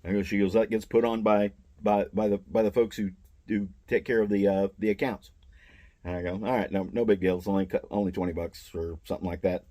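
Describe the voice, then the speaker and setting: A man's voice: fairly low pitch, steady tone, fairly quick, dark tone. An older man, retired, telling a meandering, plain-spoken story about trouble as a vendor at a mall booth. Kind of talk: casual first-person storytelling.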